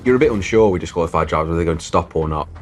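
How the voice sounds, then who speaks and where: Very deep, rapid male voice. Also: expressive, faint music behind. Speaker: traffic police officer. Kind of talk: reflective interview talk.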